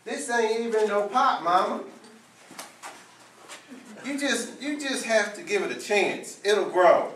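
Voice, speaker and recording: A man's voice: high-pitched, animated, slow, pauses often, a bit bright, reverberant, recorded from a distance, slight background noise, exaggerated voice. A man acting as a fussing middle-aged mother in a school play, scolding in a motherly drawl. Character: fussing Southern mother Rose, middle-aged, bossy but loving. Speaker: student actor.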